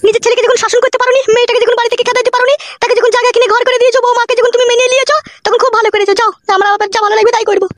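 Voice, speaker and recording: A woman's voice: very high voice, little pitch movement, rapid-fire, few pauses. A woman voicing an angry middle-aged village mother in a cartoon, scolding and lamenting. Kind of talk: cartoon voice acting.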